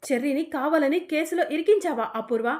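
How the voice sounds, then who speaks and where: A woman's voice: high-pitched, fairly quick, a little mellow, pitched above the performer's own voice, lightly acted. A woman voicing a stern middle-aged husband from a TV serial, accusing and scolding. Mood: angry.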